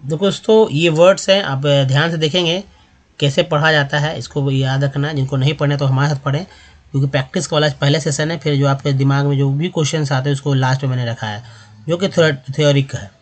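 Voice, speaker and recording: A man hosting a spoken language lesson, explaining briskly and reading word lists slowly and deliberately. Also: a little high, steady tone. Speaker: English teacher and channel host.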